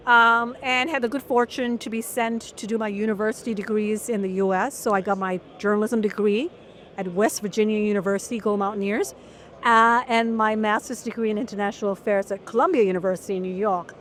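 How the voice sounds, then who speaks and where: A middle-aged woman from Malaysia, a journalist being interviewed, telling her story in an articulate, measured way. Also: mid-range voice, fairly even intonation, fairly bright tone. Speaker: guest journalist. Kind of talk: long-form interview.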